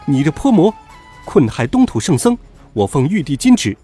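A man voicing a righteous young male warrior prince who declares forcefully in a storybook reading. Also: fairly high pitch, sing-song, moderate pace, breathy edge, faint music behind.

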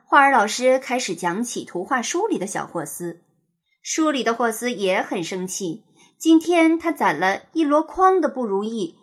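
A woman narrates a children's picture book in an expressive, sing-song way. Her voice sits fairly high with a husky, breathy texture. Her pitch swoops and bounces lively through each line. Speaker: storyteller.

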